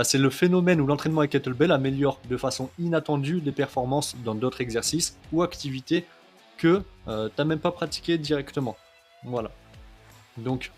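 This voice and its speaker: A man's voice: fairly high pitch, a little mellow. Chatty male fitness coach. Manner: chatty, many fillers, checks in with "ok?". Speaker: kettlebell coach. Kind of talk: casual video lesson to camera.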